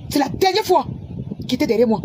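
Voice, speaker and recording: A high-pitched woman rants heatedly into her phone camera, scolding her audience and repeating her points. Loud background ambience and passing traffic fill the recording. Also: animated, brisk. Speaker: social media personality. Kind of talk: angry livestream rant.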